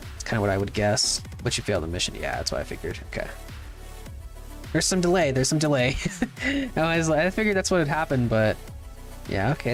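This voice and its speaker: A man streaming a game live, chatting casually and answering his chat in a laid-back way. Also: medium pitch. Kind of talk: casual livestream chat while playing.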